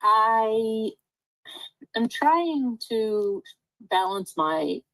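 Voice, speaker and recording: A woman on a video call asking for coaching, speaking haltingly as her audio keeps breaking up. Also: on the high side, big pitch swings, fairly bright tone, no echo, rough recording. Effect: choppy, breaking-up video call audio. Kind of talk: casual video call question.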